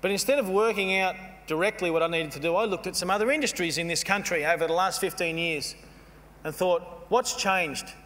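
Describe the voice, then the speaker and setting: A man giving a storytelling keynote speech, animated and mocking as he acts out scenes. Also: high voice, brisk. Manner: animated, mocking, playfully acts out quoted voices. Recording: long hall reverb with faint hum.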